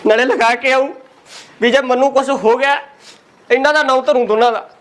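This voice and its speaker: A man playing an aggrieved, tipsy, henpecked village man who complains without pause. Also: very high voice, fairly even intonation, fairly bright tone. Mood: whining. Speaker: comic village character. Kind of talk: rural comedy sketch.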